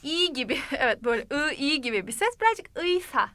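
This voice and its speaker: A woman language teacher giving an online lesson, talking to the learner directly in a friendly way and repeating words slowly and clearly. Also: sits high, sing-song, pushed and bright, no room sound.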